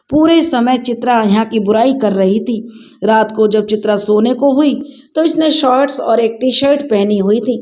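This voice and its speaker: A woman telling a family drama story in steady, dramatic narration. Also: medium pitch.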